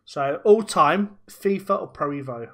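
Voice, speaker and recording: A young man hosting a casual podcast interview, chatty and quick with rapid-fire questions. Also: on the high side, animated, a bit bright. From raised Welsh, born in Germany. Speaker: podcast host.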